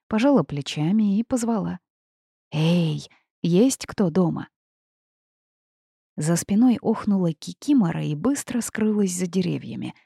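Low, gravelly woman reading a story. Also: warm tone, no room sound, clean studio sound. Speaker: audiobook narrator. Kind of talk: scripted first-person audiobook narration.

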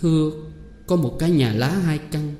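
A man's voice: fairly high pitch, normal speed, warm tone, pitched above the performer's own voice, lightly acted. A man voicing a poor, grieving young daughter who speaks humbly and pleads through tears. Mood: tearful pleading. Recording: roomy hall with long reverb.

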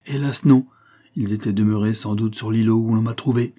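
A man's voice: fairly low pitch, steady tone, warm tone, slightly rough. A man voicing a melancholy young convict. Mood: grave. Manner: grave, measured, sorrowful.

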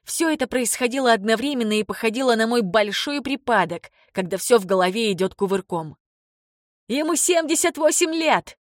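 A woman reading first-person audiobook narration in a steady, measured way. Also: a little high, no room sound, clean studio sound. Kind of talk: scripted narration.

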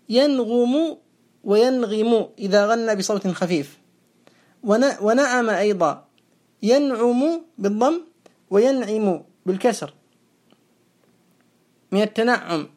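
Patient grammar teacher, mid-pitched, measured classroom lecture with slow, repeated drills of word forms. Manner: methodical, spells out verb forms slowly and repeats them; asks questions and answers them itself. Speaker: teacher of Arabic morphology.

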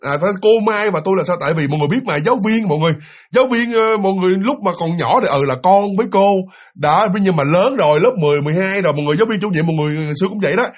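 A man casually retelling a ghost story, animated and full of fillers and repeats, acting out the voices he quotes. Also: high-pitched, racing.

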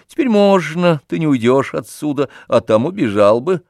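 A man's voice: a little high, very animated, darkish tone, no room sound, studio quality, voice pushed up. A man reading aloud and voicing a playful, mischievous young woman who teases and shifts topics carelessly, in an audiobook. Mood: teasing. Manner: teasing, carefree, quick changes of subject.

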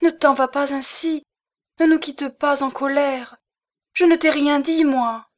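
A desperate, loving wife cries out and pleads in a high, raised voice, as a woman narrator voices her. Her words come loud and urgent in this storybook reading. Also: fairly even intonation, a little slow. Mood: pleading. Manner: pleading, crying out.

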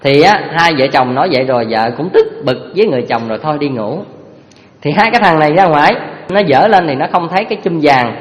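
A Buddhist Dharma teacher, a man with a fairly high voice, gives a storytelling sermon at a fast pace, lively and animated, speaking directly to listeners. The sound is lo-fi, with the long reverb of a hall.

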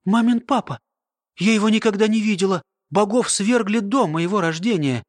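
A man's voice: sits high, normal speed, no room sound, clean studio sound, pitched above the performer's own voice, natural voice. A man voicing an earnest young woman asking questions in an audiobook. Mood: excited. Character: eager young woman, a granddaughter.

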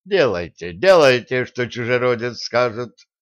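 A hot-tempered medieval prince, put on by a male narrator, loud and domineering, raising his voice above the reader's own. His mockery comes through a dull, lo-fi recording. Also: mid-range voice, big pitch swings, measured pace. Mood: boisterous. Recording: dull lo-fi sound.

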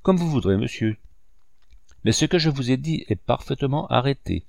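A man's voice: mid-range voice, animated, moderate pace, creaky, a little mellow, dry recording, studio quality, voice pushed up. A man voicing a bold young male sculptor who speaks bluntly and defiantly.

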